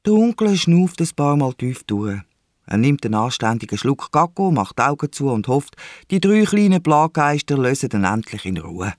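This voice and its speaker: A man's voice: mid-range voice, normal speed, no room sound, clean studio sound. A man with a Swiss German accent narrating a children's radio play. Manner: lively storytelling.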